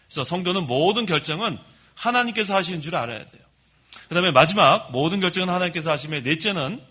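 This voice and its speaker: Bright, husky-voiced pastor preaching. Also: male voice, a little high. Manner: lively storytelling, admits his own faults. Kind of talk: sermon. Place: church sanctuary.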